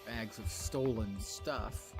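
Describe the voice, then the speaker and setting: A man's voice: fairly low pitch, slow, over music. A man giving casual game commentary, musing aloud in a wry, playful way. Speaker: gaming host.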